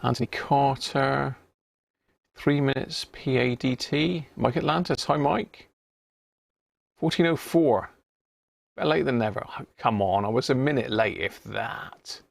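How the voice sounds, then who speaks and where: With a mid-range voice and some vocal fry, this UK livestream host talks a little slowly as he casually chats with his audience. The recording is dry and the tone friendly and informal.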